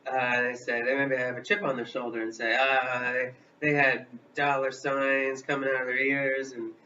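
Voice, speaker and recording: A man in his thirties rambles through a comic chat as co-host, full of fillers, halting restarts and detours. His voice is bright and forceful. He sits far from the mic, so the sound is dull and lo-fi, with a faint hiss behind it. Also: medium pitch, little pitch movement. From Illinois, US Midwest. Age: 30s. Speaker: co-host of a live vlog.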